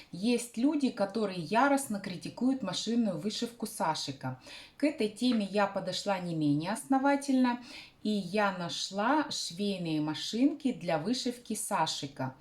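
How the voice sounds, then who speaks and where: A woman hosting a sewing channel, explaining a craft tutorial carefully, often pausing with hesitation sounds. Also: fairly low pitch.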